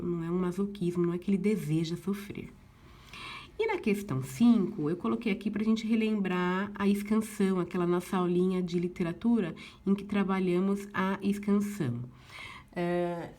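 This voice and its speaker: A woman's voice: medium pitch, dark tone. A woman teacher with a Brazilian Portuguese accent, patiently going through exercise answers for her class and dropping in frequent little check-ins with the students. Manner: patient, uses many fillers like "né" and "ó". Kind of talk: recorded class lesson, explaining exercises.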